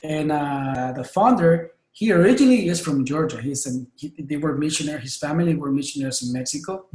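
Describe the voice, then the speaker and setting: This Honduran man in his thirties, a native Spanish speaker with a Honduran Spanish accent, appears as a guest in a casual interview, where he directs a music school. His voice sits on the high side and is a bit fast and a bit mellow, and he comes across as friendly yet hesitant. The room is echoey.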